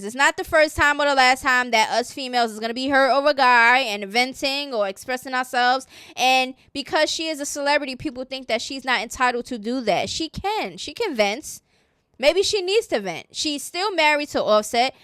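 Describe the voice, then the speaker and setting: A woman's voice: high-pitched, fairly bright tone, clear, resonant tone, no room sound, studio quality. A woman from New City, talking through celebrity gossip in a chatty, opinionated way that keeps tagging "okay?". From New York City. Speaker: gossip commentary host. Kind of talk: casual celebrity gossip commentary.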